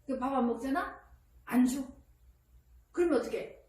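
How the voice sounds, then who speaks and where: A woman giving parenting advice in casual counseling talk, lively and animated, often acting out a child's voice. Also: high-pitched, normal speed. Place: counseling room indoors. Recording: echoey room from a distance, faint ambient noise.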